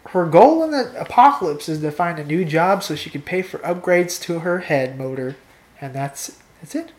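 A young woman chatting casually with a friend and reading out a story she wrote, playful and quick to laugh. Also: fairly low pitch, expressive, a little mellow, roomy sound. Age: young adult. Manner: playful, laughs easily, reads a story aloud. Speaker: co-host.

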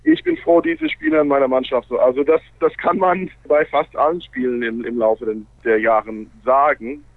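A man's voice: medium pitch, brisk, no echo. A man from Canada, a native English speaker, talks casually in fluent German with an American accent and small grammar slips, as a guest in a radio interview. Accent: North American. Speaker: interview guest, baseball player. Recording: narrow, phone-like radio sound.

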